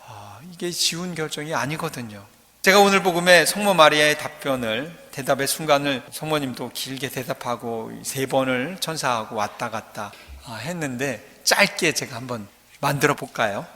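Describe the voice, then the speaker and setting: A man's voice: medium pitch, pushed and bright. A man giving a sermon as a priest, playful, acting out bits of dialogue and dialect jokes. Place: church. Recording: echoey church with long reverb.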